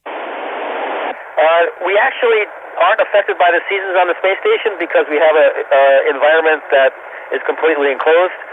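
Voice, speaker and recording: A man answering students' questions over a ham radio link from a space station, in calm, plain-spoken answers that each end with "over". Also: fairly high pitch, moderate pace. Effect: heard over a ham radio link from space, ending each answer with "over". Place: aboard a space station, with fans and a treadmill nearby. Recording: tinny radio downlink with loud static.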